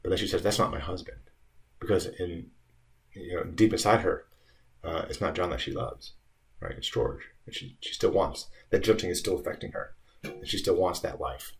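Very deep-voiced, halting male teacher. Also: vocal fry. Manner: halting, with many fillers and restarts. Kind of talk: annotating a story reading.

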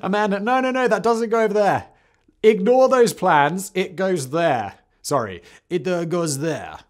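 A man putting on the high, shouting voice of an exasperated, bossy builder. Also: expressive, measured pace. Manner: shouting, indignant.

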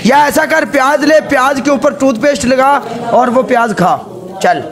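A man's voice: very high voice, normal speed, crowd noise. A man, a streamer arguing casually over game dares, bossy and insistent, repeating his demands.

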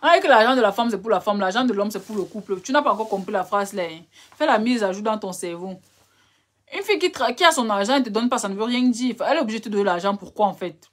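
A woman's voice: medium pitch, expressive, fast talker. A young woman hosting a live relationship advice stream, answering viewer questions in a direct, scolding way. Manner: direct, scolding, addresses viewers as brother and darling.

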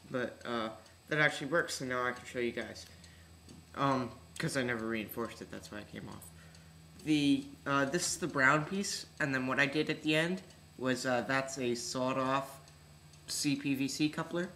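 A teenage young man talks offhand to a webcam at home, his articulation slightly affected by braces. His pitch is ordinary for a male voice. The room echoes around him and clear noise sits in the recording. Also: pushed and bright. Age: teens. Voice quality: slightly odd articulation from braces and palate expander. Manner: offhand, slangy. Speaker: hobbyist video host. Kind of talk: casual unscripted vlog demonstration. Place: large room at home, indoors. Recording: echoey room, noisy webcam-style audio.

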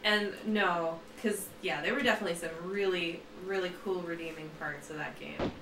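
Bright-voiced woman chatting through gameplay. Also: lowish voice, fairly even intonation, echoey room, far from the mic, a little hiss or hum. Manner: chatty, quick asides and laughs. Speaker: let's play player. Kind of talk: casual gameplay commentary. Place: home room with a cat.

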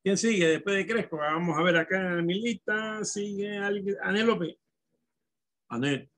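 A man's voice: high-pitched, moderate pace, fairly bright tone. A male primary school teacher running an online class, calling on pupils and patiently spelling words out syllable by syllable.

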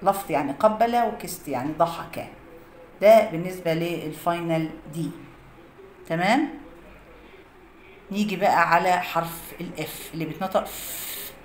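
Egyptian female teacher, slightly low voice, walks through phonics examples, faint noise behind. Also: moderate pace, long pauses. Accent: Egyptian Arabic. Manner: explains phonics rules with many examples. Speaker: English teacher. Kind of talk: English pronunciation lesson. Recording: echoey room with faint noise.

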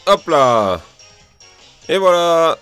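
A man giving gameplay commentary, excitable, loudly exclaiming and complaining as he plays. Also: a little high, very slow, smooth, faint music behind. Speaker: gaming YouTuber.

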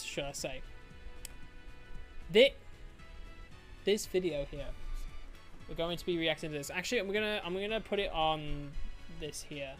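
A game streamer chatting casually to viewers and a friend while playing, excitable and boastful, swearing freely. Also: mid-range voice. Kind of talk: casual live-stream chat while gaming.

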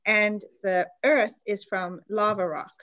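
A woman's voice: medium pitch, steady tone, slow, fairly bright tone, muffled recording. Woman host, chatty explainer, video call class. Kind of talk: online class presentation.

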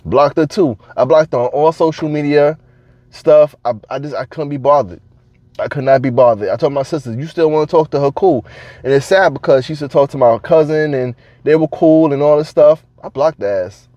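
A man vlogging to camera, telling stories in a casual, slangy, animated way and laughing between lines. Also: a little high, fairly quick, no echo, lo-fi sound.

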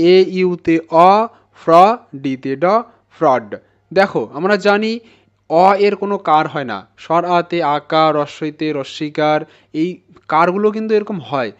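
A man teaching English phonics, spelling words out letter by letter and repeating each sound slowly. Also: high-pitched, clean tone, highs cut off. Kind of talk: phonics lesson.

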